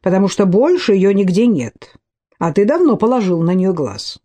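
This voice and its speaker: A woman's voice: mid-range voice, very animated, moderate pace, warm tone. A woman reading an audiobook who voices a vain, self-assured man with a brash, demanding manner.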